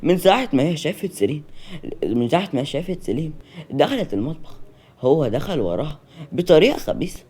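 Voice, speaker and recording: A storyteller with an Egyptian accent, reading a serialized romance novel aloud in a lively, conversational way. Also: mid-range voice, fast talker, husky. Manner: lively conversational narration with restarts.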